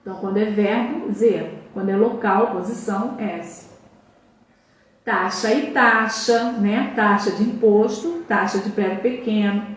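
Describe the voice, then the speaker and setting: A woman teaching a spoken Portuguese grammar lesson with a Brazilian accent, checking in with frequent tags and slowly repeating word pairs. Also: mid-range voice, recorded from a distance. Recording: very echoey room, voice off-mic.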